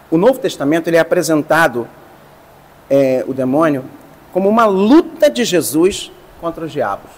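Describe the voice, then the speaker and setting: A man, a priest, teaching a class, explaining slowly and stressing each term. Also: fairly high pitch, long reverb tail. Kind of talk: lecture.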